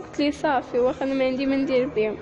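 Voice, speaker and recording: A young Moroccan woman with a high voice tells her own painful story, halting and close to tears. The recording is dull and lo-fi. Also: fairly even intonation, crowd noise. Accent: Moroccan Arabic. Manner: halting, emotional, often near tears. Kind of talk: personal story told to listeners.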